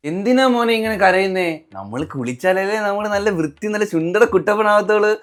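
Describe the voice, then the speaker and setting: A man's voice: sits high, expressive, brisk. A man playing a father who teases and playfully talks to his baby son. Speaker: father in a family sketch.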